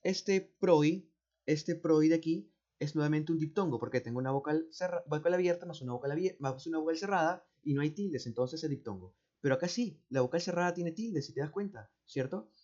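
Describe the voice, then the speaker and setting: Man teaching slowly with a Peruvian accent. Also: a little high, lively intonation, warm tone. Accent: Peruvian Spanish. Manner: slow, repeats words, asks "¿no?" and "¿cierto?" often. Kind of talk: explaining exam answers step by step. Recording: dull, muffled audio.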